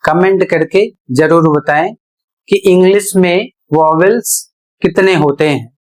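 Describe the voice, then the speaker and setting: Pronunciation teacher, very slow delivery, mid pitch, step-by-step explaining. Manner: measured, repetitive rule-by-rule explaining. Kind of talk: slow explanatory lesson narration.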